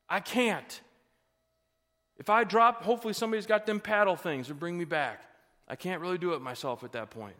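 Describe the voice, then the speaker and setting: A middle-aged man preaching a sermon as pastor, emphatic, with joking asides and climbs to shouting. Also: sits high. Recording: reverberant hall.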